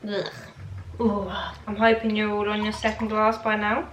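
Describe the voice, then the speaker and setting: A woman's voice: medium pitch, monotone, normal speed. A British woman in her twenties chatting casually to camera in a rambling, informal, exaggerating way, answering questions as a vlogger. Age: 20s. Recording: echoey room, faint background noise.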